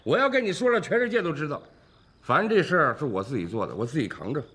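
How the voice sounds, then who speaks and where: An actor playing a sheepish, defensive son who faked a diagnosis. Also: male voice, a little high, sing-song, quick pace, fairly bright tone, husky, full character voice.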